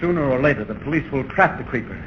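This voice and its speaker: An actor playing a grave, steady doctor held captive in a 1930s radio drama. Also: male voice, mid-range voice, quick pace, lightly acted. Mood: grave, weary. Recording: noisy, muffled 1930s radio recording.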